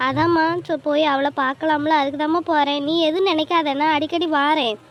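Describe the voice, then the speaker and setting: A woman voicing a caring young mother in an animated family drama, gently reassuring her mother. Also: sits high, fairly quick, dull audio, lightly acted. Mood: soothing. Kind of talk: cartoon voice acting. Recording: faint ambient noise.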